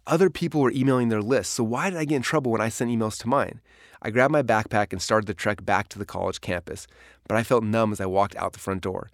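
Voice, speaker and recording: A man's voice: on the low side, fast talker, dry recording, studio quality. A man reading his own memoir aloud in a storytelling manner. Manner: storytelling, dramatic in places. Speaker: narrator. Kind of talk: memoir audiobook narration.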